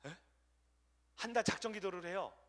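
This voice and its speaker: A middle-aged male pastor delivers a sermon in a voice that sits a little high for a man and swings widely up and down. He keeps throwing questions to the congregation and answering them himself, and he slips into short acted-out voices along the way. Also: expressive, normal speed, fairly bright tone. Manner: acts out short quoted voices.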